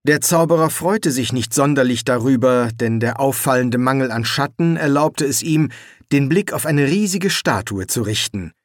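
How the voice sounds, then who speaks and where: A narrator reading a fantasy audiobook in measured, expressive storytelling. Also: mid-range voice, no echo, clean studio sound. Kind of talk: scripted narration.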